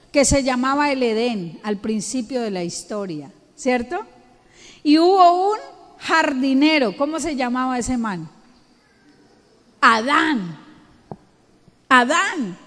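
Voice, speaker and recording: A woman pastor with a Colombian accent delivering an emphatic sermon, drawing out words and rising to peaks. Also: high voice. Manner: emphatic, slow, drawn-out preaching with rising peaks. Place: church hall. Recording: long church hall reverb.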